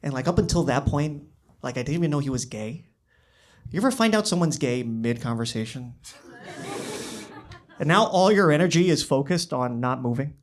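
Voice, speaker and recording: A man doing an animated, rambling stand-up comedy set in a club. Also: mid-range voice, normal speed, long pauses. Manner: animated, rambling, self-interrupting.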